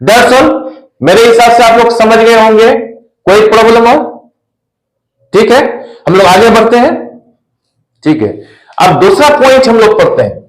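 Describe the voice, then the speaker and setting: A man teaching an English pronunciation lesson, repeating every word slowly and spelling it out letter by letter. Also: extremely high pitch, lively intonation, echoey room, low-quality recording.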